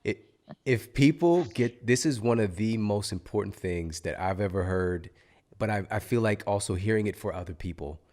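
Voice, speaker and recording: A man's voice: fairly low pitch, moderate pace, a little mellow. A man hosting a podcast interview, thoughtful and searching for his words as he reflects. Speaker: podcast host. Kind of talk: casual interview chat.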